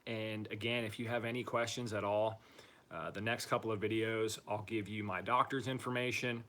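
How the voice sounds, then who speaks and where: A man talking informally and upbeat in a casual video diary, using relaxed slang as he gives a personal recovery update. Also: lowish voice, normal speed. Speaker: patient giving a recovery update.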